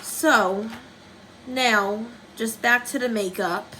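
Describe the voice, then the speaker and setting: A woman's voice: a little high, extremely slow, bright, forceful tone, a little hiss or hum, poor audio. A young woman talking through a casual makeup tutorial, rambling and commenting on herself, with dry sarcastic asides.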